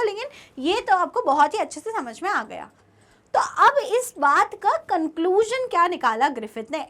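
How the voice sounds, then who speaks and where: Woman, young adult, teacher, high voice, online lecture, quizzes students then answers. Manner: lively, asks students questions and answers them herself.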